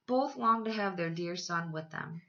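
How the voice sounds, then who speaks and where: Female teacher for storybook read-aloud: bright, expressive phrasing, medium pitch, muffled home-recorded sound. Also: moderate pace, creaky. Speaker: schoolteacher reading aloud.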